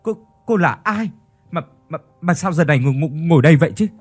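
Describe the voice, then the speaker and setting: A woman's voice: sits low, animated, fast talker, darkish tone, soft background music. A man voicing a frightened old village woman who stammers in panic. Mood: nervous.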